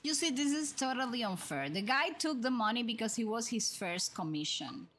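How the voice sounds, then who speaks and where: With a slightly high, fairly bright voice at normal speed, this livestream host is very animated. She chats and rambles casually, thinking out loud as she plays, with music in the background.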